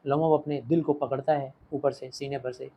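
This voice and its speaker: A man's voice: mid-range voice, level tone, normal speed, dull audio. Man with Indian accent explaining a play. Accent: Indian English. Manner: explains line by line, switching languages. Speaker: teacher. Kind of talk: Hindi-English literature lesson.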